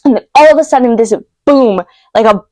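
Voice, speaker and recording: A woman vlogger retelling a vivid dream to camera, emotional and halting, with many fillers and restarts. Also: on the high side, dark tone, dry recording. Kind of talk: casual storytelling to camera.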